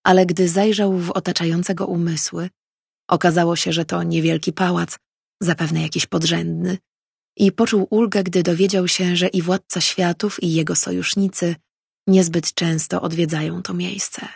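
A woman reading a fantasy audiobook in steady scripted narration. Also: on the low side, moderate pace, vocal fry, slightly rough, no echo, clean studio sound.

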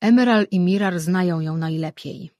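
Woman voicing a calm male sorcerer. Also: fairly low pitch, normal speed, dry recording, lightly acted.

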